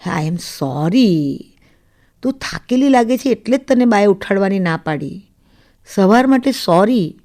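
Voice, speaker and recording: A woman voicing a gentle, patient young husband who coaxes his wife softly. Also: mid-range voice, lively intonation, a little fast, close to an everyday voice. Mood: soothing. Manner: soft, coaxing.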